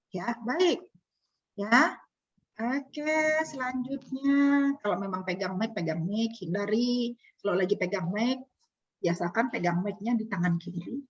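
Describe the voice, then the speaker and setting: A woman with an Indonesian accent coaching a group online, asking them questions in a lively teacherly way. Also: a little high, husky. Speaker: communication coach. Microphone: video call. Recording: dull lo-fi video call audio.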